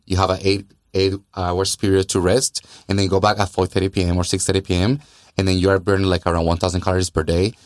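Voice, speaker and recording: Here a deep-voiced Colombian man, a native Spanish speaker with a Colombian accent from South America, is interviewed on a conversational podcast. He owns a gym and trains clients, and he explains earnestly while repeating words for emphasis. It's recorded at studio quality without echo.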